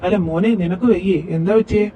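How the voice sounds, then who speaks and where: A man's voice: high voice, steady tone, fast, muffled recording, soft background music, close to an everyday voice. A man playing a fussy older office worker. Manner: scolding, fatherly. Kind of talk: fan audio drama acting.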